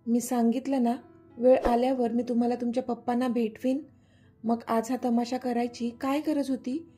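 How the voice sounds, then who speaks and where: A woman's voice: fairly high pitch, little pitch movement, moderate pace, dark tone, faint music behind, close to an everyday voice. A woman voicing a protective young mother who scolds and soothes her child. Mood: scolding. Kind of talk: storybook dialogue reading.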